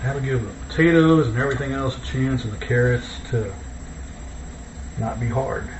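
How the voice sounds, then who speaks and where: A man's voice: medium pitch, moderate pace. A man chatting casually as he cooks at home, easygoing and thinking aloud. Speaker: home cook hosting a cooking video. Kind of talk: casual cooking chat. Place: indoors, kitchen. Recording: distant mic, dull, echoey, noisy room.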